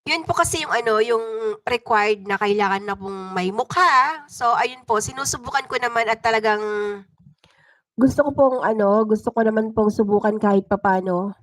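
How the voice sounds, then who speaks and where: A woman with a Filipino accent hosts a livestream channel, telling dramatic first-person stories and chatting easily with her audience. Her voice is on the high side, a bit bright, at normal speed, with no echo in the recording.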